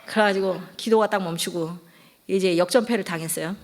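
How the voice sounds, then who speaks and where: A middle-aged woman, a pastor's wife, preaching a sermon through a lively personal story and acting out the voices she quotes. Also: on the low side, a little fast. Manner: lively, acts out quoted voices, laughs often.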